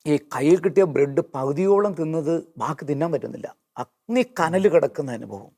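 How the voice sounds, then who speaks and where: A man giving an earnest personal testimony in an interview, slowing down when he quotes hymn lines. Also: on the high side, expressive, vocal fry, dark tone.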